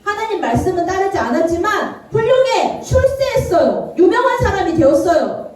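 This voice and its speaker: Brief: female children's pastor, playful and animated, recorded far off in an echoey church hall. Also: very high-pitched, moderate pace, a little hiss or hum. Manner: animated, playful, acts out characters and asks the children questions. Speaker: children's Sunday school preacher. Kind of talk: lively children's sermon with acted Bible voices. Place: church worship room. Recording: roomy echo, distant from mic, faint ambience.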